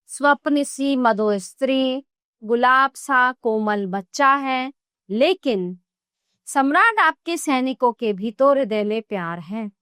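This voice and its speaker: A woman's voice: high voice, lively intonation, slow, fairly bright tone, clear, resonant tone, no room sound, studio quality, heavily acted. A woman voicing a compassionate woman singer who earnestly pleads with an emperor to give up killing. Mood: pleading.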